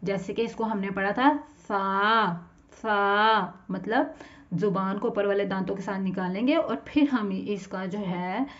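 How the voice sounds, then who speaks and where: Speaking slowly at medium pitch, a woman with a Pakistani Urdu accent guides children through reading letters of the Quran. She lengthens and patiently repeats every sound, explaining how the mouth should form it, on a dull lo-fi recording.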